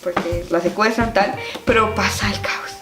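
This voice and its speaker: A young woman chatting about a children's book in an animated, giggly way. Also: medium pitch, normal speed. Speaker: vlogger reviewing a children's book. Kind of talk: casual book-review vlog. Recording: echoey room with background music.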